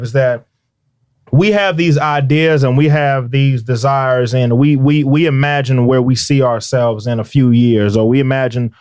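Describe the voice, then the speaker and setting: A rapper guest in a casual interview talks at length in a laid-back, rambling way, filling gaps with ums and you-knows. His voice is noticeably nasal, ordinary in pitch, and darkish in tone. A close studio mic captures it dry and deadened, with no room sound.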